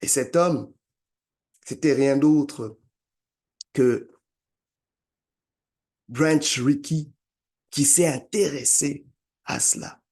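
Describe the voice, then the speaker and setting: A man delivers a motivational talk in an unhurried, emphatic cadence. His voice sits a little high for a man, and he leans on repetition like a preacher building a point. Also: a little mellow. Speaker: motivational speaker. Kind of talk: motivational sermon-style talk.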